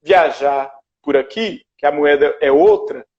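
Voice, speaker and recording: A man's voice: on the high side, a little slow, lo-fi sound. A man telling a story in casual conversation on a video call, acting out what people said to him. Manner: animated storyteller, acts out dialogue. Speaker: guest. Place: his shared house.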